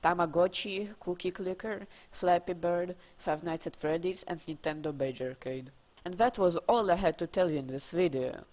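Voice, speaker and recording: Dry, deadpan game trivia is narrated from a script for a video by a Russian-accented speaker with a mid-range voice. The pace is normal, and casual asides are mixed in.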